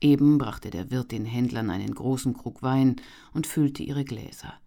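An audiobook narrator reading a historical novel with measured pacing and expressive storytelling. The voice sits at a middle pitch and carries the scene calmly.

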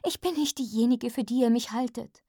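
A woman's voice: on the high side, a little fast, warm tone, slightly rough, no room sound, clean studio sound, voice pushed up. A woman reading a storybook voices a frightened young woman who pleads and breaks off mid-sentence. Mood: desperate.

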